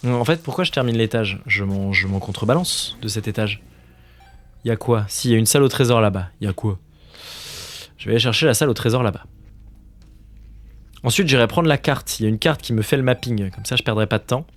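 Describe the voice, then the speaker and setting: A man's voice: lowish voice, a little fast, long pauses. Exasperated man muttering over a game. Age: 30s. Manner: exasperated, swears a lot, drops to muttered whispers. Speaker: streamer. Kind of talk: casual gameplay commentary.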